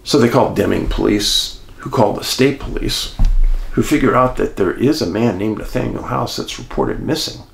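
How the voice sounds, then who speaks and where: A man hosting and telling a true-crime mystery story in an animated way, speaking straight to his listeners. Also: medium pitch, normal speed, gravelly, roomy sound, slight background noise. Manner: animated, addresses listeners as folks. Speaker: host and storyteller.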